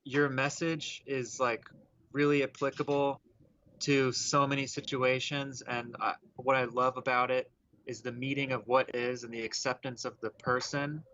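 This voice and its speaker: Guy on speakerphone, bright edgy voice, muffled line with a bit of hiss, kinda halting. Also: mid-range voice, flat delivery. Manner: thoughtful, halting, searching for words. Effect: speakerphone call. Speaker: caller. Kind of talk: casual call-in conversation.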